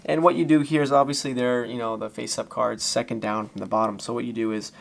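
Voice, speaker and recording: A man giving a casual, loosely improvised card-trick tutorial in magician patter, talking informally to viewers with a gravelly voice. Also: medium pitch, fairly even intonation, fast. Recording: faint background noise.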